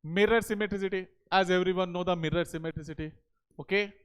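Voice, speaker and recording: A man's voice: sits high, steady tone, quick pace, smooth. A man in his thirties with an Indian accent, lecturing at a board as a teacher and often checking in with short questions and tag words. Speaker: physics teacher. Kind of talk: board lecture to exam students. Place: indoor teaching studio at a digital board. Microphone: headset.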